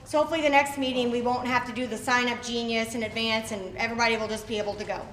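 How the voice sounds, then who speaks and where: High-voiced upbeat woman hosting a meeting. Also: fairly even intonation, racing, fairly bright tone. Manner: chatty, upbeat, thinks aloud with fillers. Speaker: club meeting host. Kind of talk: casual club announcements. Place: running store meeting room. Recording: echoey room, faint noise.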